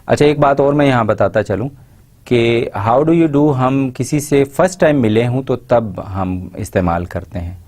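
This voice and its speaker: A man giving a recorded university lecture, explaining in Urdu and reading English example phrases slowly and carefully. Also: mid-range voice, darkish tone.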